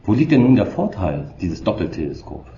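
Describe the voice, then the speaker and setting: A man with a lowish, dark voice poses interview questions in a measured way. The low-quality stream makes his voice dull and roomy, with faint noise behind it. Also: sing-song. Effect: low-quality stream with degraded sound. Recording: dull, roomy, noisy lo-fi recording.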